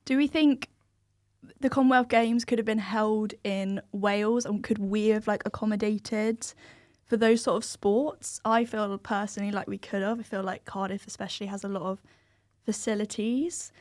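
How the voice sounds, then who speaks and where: A woman's voice: mid-range voice, steady tone, moderate pace, a little mellow, no echo, studio quality. A young woman with an English accent, hosting a student radio show and leading an informal discussion. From England. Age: young adult.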